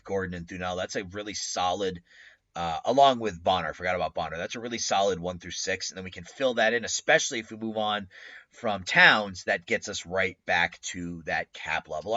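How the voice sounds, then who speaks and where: A man with a slightly low, bright and forceful voice hosts a laid-back game commentary, rambling with plenty of fillers. His mic makes him sound tinny and metallic, as if he were talking inside a tin can. The sound is dull, lo-fi and completely dry. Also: no room sound. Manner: conversational, loose, hesitant with frequent fillers. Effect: tinny tin-can sound from a poor mic. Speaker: gaming channel host.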